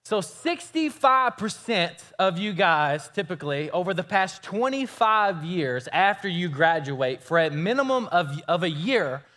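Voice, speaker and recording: Man, 30s, youth pastor, high-pitched and pumped, addressing a teen crowd. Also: unhurried, hardly any pauses. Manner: energetic, hyped, teasing.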